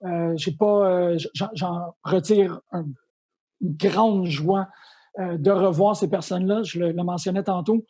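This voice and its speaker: Male presenter, Quebec accent, dark relaxed timbre, halting unscripted delivery. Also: sits high. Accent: Quebec French. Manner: halting, repeats words. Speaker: festival presenter. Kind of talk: casual unscripted talk.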